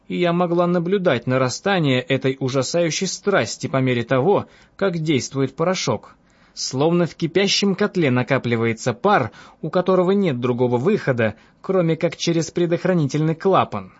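A man's voice: medium pitch, natural voice. A man voicing a cunning, bold young woman who tells her escapade with mocking self-assurance. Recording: dull lo-fi audiobook with faint music.

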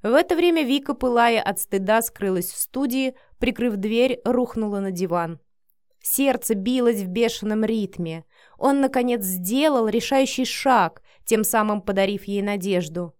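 A woman narrating a novel as an audiobook in a measured, steady reading. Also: a little high, no room sound, clean studio sound.

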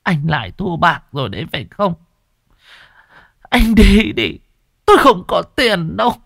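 A woman's voice: mid-range voice, very animated, normal speed, dry recording, clean studio sound, pitched above the performer's own voice. A man voicing a frail, desperate old peasant mother, pleading and shrieking in a storybook tale. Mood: bitter. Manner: pleading, then shrieking in terror.

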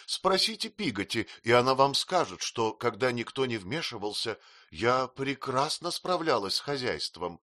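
A man voicing a young, timid wife who pleads in a high, plaintive voice, close to tears. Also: big pitch swings, moderate pace, hardly any pauses, sharp tone, no room sound. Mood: pleading.

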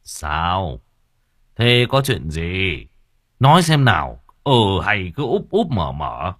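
Old village shaman, voiced by a male narrator, deep, gruff, warm to the children, animated delivery, dry booth sound. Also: no echo, heavily acted. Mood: coaxing. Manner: low, unhurried and coaxing. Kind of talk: audiobook character voice.

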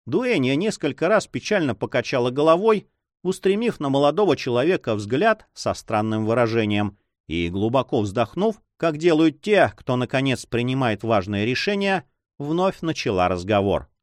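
A man's voice: mid-range voice, big pitch swings, normal speed, dry recording, clean studio sound. A man narrating an adventure novel as an audiobook, reading expressively and voicing each character.

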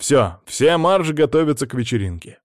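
A gruff, curt teacher laying down the law for his unruly pupils, read by a man in an audiobook. His delivery is commanding and animated, with big swings in pitch. The sound is dry and close. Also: normal speed, no room sound. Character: gruff adult male teacher of unruly kids.

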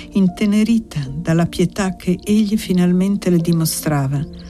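Low, mellow woman reading a novel. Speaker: audiobook reader. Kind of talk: literary audiobook narration.

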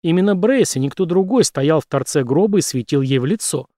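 A male narrator reads a thriller aloud with animated, dramatic delivery. His voice sits somewhat high and ranges widely. The recording is dry and close. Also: brisk, no room sound. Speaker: audiobook narrator. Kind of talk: expressive audiobook narration.

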